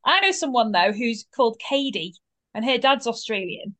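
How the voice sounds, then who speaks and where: A British woman co-hosting a TV rewatch podcast, chatting casually and dropping quick teasing quips. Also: a little high, animated, a bit bright. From Britain. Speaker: podcast co-host. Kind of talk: casual chat.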